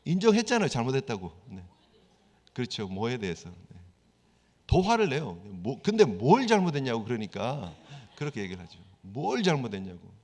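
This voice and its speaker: A man's voice: mid-range voice, very animated, moderate pace, darkish tone. A man preaching a sermon as pastor, talking conversationally and asking rhetorical questions. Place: church sanctuary. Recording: long church hall reverb.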